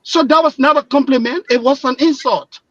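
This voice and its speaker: A man's voice: very high voice, a little fast, no echo. Impassioned Liberian man on a muffled line. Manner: impassioned, grows loud and emphatic. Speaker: panel guest. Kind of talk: radio panel commentary.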